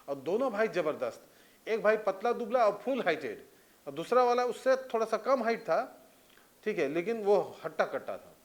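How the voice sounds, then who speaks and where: A man teaching a lecture in a conversational way, often checking that students understand with repeated questions. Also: on the high side. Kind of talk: classroom lecture.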